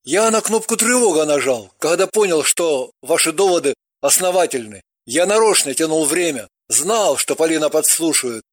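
A woman voicing a flustered, grateful rich man in an audiobook, lowering her voice with a changed timbre and explaining earnestly. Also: expressive, normal speed, no echo, clean studio sound.

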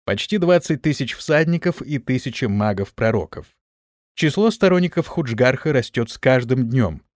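A man reading an audiobook, voicing a sly, bold young male hero in a brash, lively tone. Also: medium pitch, normal speed, no room sound, clean studio sound, natural voice. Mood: scheming.

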